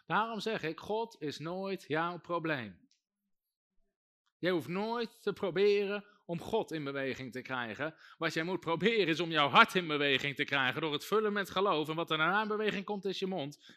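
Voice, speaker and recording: A man's voice: on the high side, pushed and bright. A man, a pastor, preaching a sermon and calling out to his congregation. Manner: preaching with rising emphasis and calls to the congregation.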